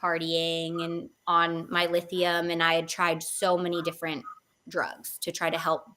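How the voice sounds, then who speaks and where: A woman's voice: lowish voice, monotone, measured pace, sharp tone. A young woman in her twenties speaking as an interview guest, telling a personal story candidly with frequent fillers.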